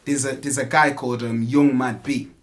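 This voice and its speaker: A rapper from Nottingham, England, gives a casual interview in street slang with his local accent, using a mid-range voice at a moderate pace and fairly even intonation. He keeps tagging his phrases with "you get me" and "innit."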